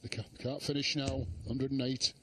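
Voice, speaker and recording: A man's voice: mid-range voice, level tone, normal speed. A man co-commentating on a darts match with chatty, jokey asides. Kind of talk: light-hearted sports commentary. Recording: broadcast with background noise.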